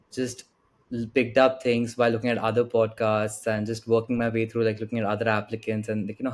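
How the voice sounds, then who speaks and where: Low-voiced Indian teenage guy, politely chatting. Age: late teens. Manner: polite, frequent "like" and "you know". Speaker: podcast guest, student. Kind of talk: casual interview answers.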